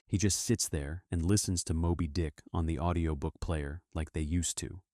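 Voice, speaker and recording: A man narrating a film recap in a steady, dramatic storytelling manner. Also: sits low, normal speed, no room sound, clean studio sound. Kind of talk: scripted narration.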